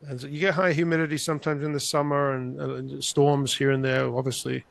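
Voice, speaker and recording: An older man from England who grew up in Spain, telling animated, rambling stories as an interview guest over a video call. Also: medium pitch, brisk, creaky, no room sound. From England, raised in Spain. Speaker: guest artist. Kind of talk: conversational interview storytelling. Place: home room, indoors. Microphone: large podcast mic on a video call, headphones.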